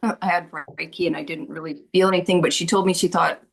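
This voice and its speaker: A woman's voice: fairly low pitch, steady tone, brisk, creaky, noisy background. A woman chatting casually as a participant in an online session. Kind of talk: casual chat. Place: on an online video call.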